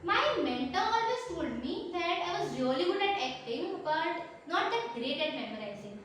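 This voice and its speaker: A woman's voice: very high-pitched, sing-song, normal speed, a bit bright. A woman giving an earnest spoken analysis and reflection as a speech and drama exam candidate, explaining her pieces with some hesitations. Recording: very echoey room, distant mic, faint noise.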